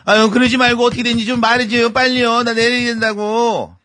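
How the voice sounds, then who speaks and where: A man's voice: very high voice, steady tone, normal speed, pushed and bright, husky, dry recording, clean studio sound, pitched above the performer's own voice, full character voice. A man doing a whiny, pushy middle-aged woman. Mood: pleading. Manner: whiny pleading in a raised voice.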